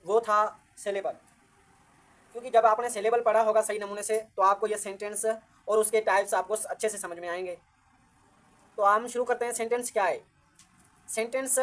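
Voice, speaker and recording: A woman with a fairly high voice teaches a grammar lecture, patiently repeating each point and counting words out loud as she explains.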